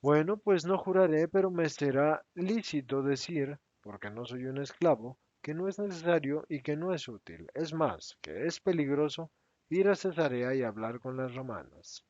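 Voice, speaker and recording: An indignant, defensive apostle who keeps protesting, his voice pushed higher and louder than the narration, as a male reader acts him out. His pitch swings widely. The recording is dry and a bit dull. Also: very animated, a little slow, dry recording. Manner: agitated, protesting, raised voice. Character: resentful, defensive male apostle Judas, adult.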